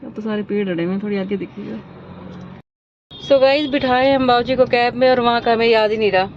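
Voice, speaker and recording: A woman's voice: on the high side, a little fast. A woman, chatting to viewers directly in a casual family vlog. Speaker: vlogger. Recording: slightly dull phone audio with faint noise.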